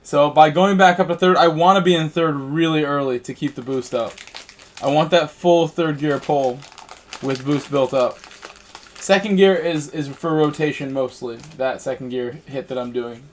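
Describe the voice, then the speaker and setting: A man chatting casually on a live stream, rambling and relaxed while he snacks and races. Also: on the high side, moderate pace, a little hiss or hum, low-quality recording. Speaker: sim racing streamer. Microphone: headset.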